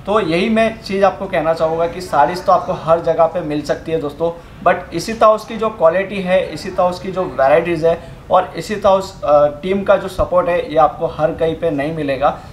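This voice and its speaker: A young man with a voice pitched slightly high explains saree fabrics and work. He talks in a steady sales pitch, pausing on fillers. The sound carries the echo of a shop room over a faint hum of background noise. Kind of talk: product demonstration. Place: fabric showroom, indoors.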